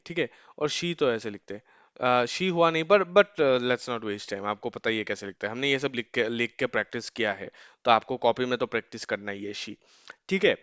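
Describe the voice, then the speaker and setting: A man with a smooth, clear, mid-pitched voice teaching a relaxed beginner lesson. He checks in often with the learner and slows right down to repeat words for practice. The sound is dry and a little muffled, with no room echo. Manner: repeats "ठीक है" often, slows to drill numbers. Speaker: language teacher. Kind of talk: casual spoken lesson.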